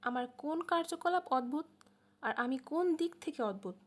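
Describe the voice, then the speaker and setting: Woman voicing a brooding young man, blunt, probing, fairly high voice. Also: lively intonation, normal speed. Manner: blunt questioning.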